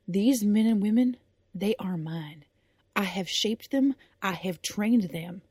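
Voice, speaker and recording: A woman's voice: medium pitch, slow, a little mellow, breathy edge, no room sound. A stern, sardonic woman knight, voiced by a woman reading an audio story, scolds with a mocking edge that turns to a near growl. The sound is close and dry. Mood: grave. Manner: mocking then growling, sinister.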